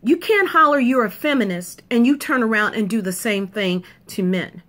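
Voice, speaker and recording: A video commentator, a woman with a slightly high, fairly bright voice, delivers an emphatic, punchy opinion monologue to camera at a moderate pace. She repeats her points for effect.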